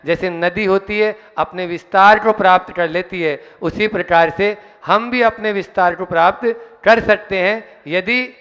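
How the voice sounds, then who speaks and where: A high-voiced man preaching a sermon in a storytelling manner. The sound is dull, with a long hall reverb. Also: unhurried, few pauses, fairly bright tone, clear, resonant tone. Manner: storytelling with quoted exchanges. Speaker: monk preacher.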